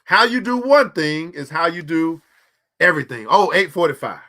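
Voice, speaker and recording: A man in his forties hosts a show, giving a preachy motivational talk about money directly to the audience and repeating phrases for emphasis. At a normal speed, his fairly high voice swings widely in pitch and comes across pushed and bright.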